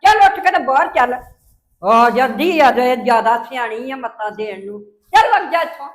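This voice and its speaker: A woman playing a mother-in-law in a family drama, scolding and sharp-tongued. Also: sits high, expressive, normal speed, roomy sound. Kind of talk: scripted family drama acting.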